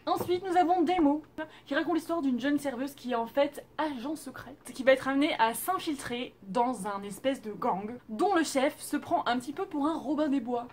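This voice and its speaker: A young woman with a high, bright-sounding voice talks through her picks in a relaxed, chatty vlog manner, dropping playful asides and fillers as she goes. A faint hiss of noise sits under the recording. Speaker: YouTube host reviewing Korean dramas. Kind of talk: casual vlog recommendations.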